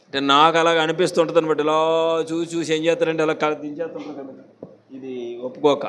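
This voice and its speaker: A pastor with a Visakhapatnam accent, preaching a sermon to a congregation in a chatty way, often putting questions to them. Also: male voice, on the high side, level tone, a little fast, fairly bright tone. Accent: Visakhapatnam Telugu. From Andhra Pradesh, India.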